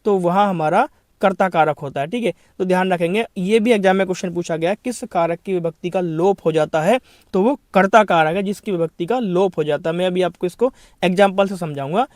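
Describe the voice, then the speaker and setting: A man's voice: high voice, fairly quick, a little mellow, no echo, clean studio sound. A man teaching a grammar lesson for exam preparation, explaining each point, then asking and answering his own questions and calling his students brother.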